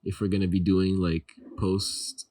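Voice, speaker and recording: A man's voice: sits low, flat delivery, dry recording. A man co-hosting a casual podcast, talking in a slangy, loose way with lots of fillers. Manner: slangy, mellow, drawn-out filler talk. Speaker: podcast co-host. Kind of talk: casual chat.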